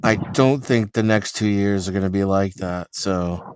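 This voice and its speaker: A man's voice: low voice, normal speed, smooth, dry recording. A man chatting casually in a group voice chat, hesitant and wry in manner.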